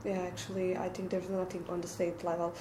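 Even-toned young woman, roomy sound. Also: fairly low pitch, fairly quick, noisy background. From Bosnia and Herzegovina. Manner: thoughtful, many uh fillers. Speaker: exchange student guest. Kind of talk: interview answers. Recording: roomy echoey room.

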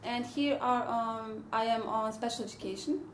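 A young woman from Bosnia and Herzegovina answers interview questions as an exchange student. She speaks softly and hesitantly, with restarts. Her voice sits a little high and sounds roomy. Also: steady tone, normal speed, slight background noise. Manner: hesitant, soft-spoken, with restarts. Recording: roomy echoey room.

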